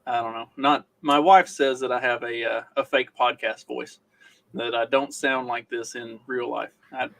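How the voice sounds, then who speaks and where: Man, Southern US accent, podcast co-host, casual chat, easygoing storyteller, middle pitch. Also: steady tone, moderate pace, vocal fry, fairly bright tone, low-quality recording.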